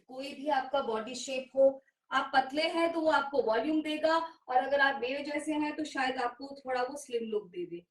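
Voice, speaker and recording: Indian lady doing a live sale stream, high voice, super slow, echoey room a bit off mic. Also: distant mic. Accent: Indian English. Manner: mixes Hindi and English, drawn-out sales pitch. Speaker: seller hosting a live sale.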